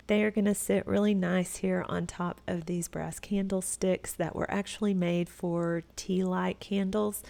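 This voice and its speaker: A woman's voice: fairly low pitch, gravelly, darkish tone. A middle-aged woman with a Texas accent, chatting directly to viewers in a voice-over about decorating her home. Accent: Texan.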